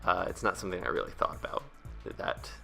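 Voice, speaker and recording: A man with a low voice that frays into gravelly vocal fry as his phrases end. He rambles casually through a speedpaint voice-over, thinking aloud in a hesitant, self-deprecating way. Faint music plays behind him. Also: expressive, fast, bright, forceful tone, whispered. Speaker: webcomic artist and video creator.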